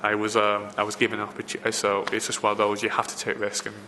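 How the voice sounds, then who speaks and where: In a reverberant room with faint background noise, a film location assistant speaks fast with a completely flat delivery, a fairly low pitch, and a sharp tone. His interview answers ramble, packed with fillers and restarts.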